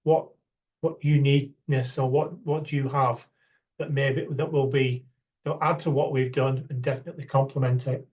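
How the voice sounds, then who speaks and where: A man, an academic, presents a funding round in an online information session, talking haltingly with many fillers and repeated words. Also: mid-range voice, steady tone, darkish tone, muffled recording.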